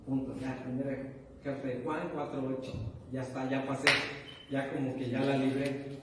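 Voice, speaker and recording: A man's voice: mid-range voice, little pitch movement, moderate pace, very noisy. A man preaching a sermon as pastor, questioning his listeners and rising to emphatic bursts. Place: church hall. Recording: echoey hall, from far off.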